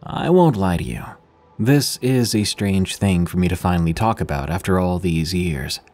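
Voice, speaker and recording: A man's voice: low voice, moderate pace, darkish tone, soft background music. A man hosting and narrating scripted horror stories with a dramatic storyteller's delivery. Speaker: horror podcast host and narrator.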